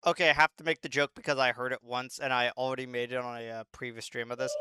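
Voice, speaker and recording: A man streaming a game, making rambling, quick casual asides. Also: medium pitch, level tone, noisy background. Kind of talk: casual gameplay commentary. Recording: loud game music behind. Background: game music.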